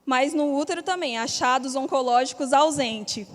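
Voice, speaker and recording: A woman's voice: high-pitched, normal speed. A young woman gives her personal testimony in a church hall, telling it in a candid, slangy way. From Brazil. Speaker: church member giving testimony. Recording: long reverb of a church hall.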